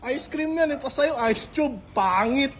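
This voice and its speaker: A man's voice: very high voice, animated, measured pace, fairly bright tone, soft background music. A man playing an exasperated customer in a comedy skit, accusing the vendor and swearing casually.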